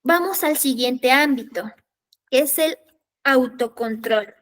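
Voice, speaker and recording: A woman leading a parenting workshop. She explains step by step and keeps checking in with her listeners through quick tag questions. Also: high-pitched, fairly bright tone. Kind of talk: workshop lecture.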